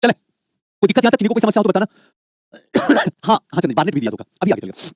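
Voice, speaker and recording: In a live online exam-prep lecture, a man teaches history fast and lively, repeating questions and answering them himself while coaxing students he calls "babu." His voice sits high with a breathy edge. The sound is clean studio audio with no room sound.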